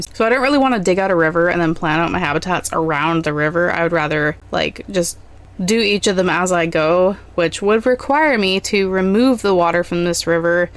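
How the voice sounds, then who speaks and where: A young adult woman giving relaxed, rambling gameplay commentary, thinking aloud as she plans. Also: lowish voice. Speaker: gaming channel host.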